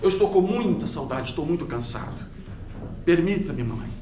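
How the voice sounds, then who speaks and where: A man's voice: on the high side, expressive, normal speed, dark tone, a little hiss or hum, lightly acted. A man lecturing who puts on the voice of an exhausted grown son begging his parents to take him in. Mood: pleading. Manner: weary, pleading. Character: exhausted, pleading grown son returning home. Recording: roomy hall from a distance.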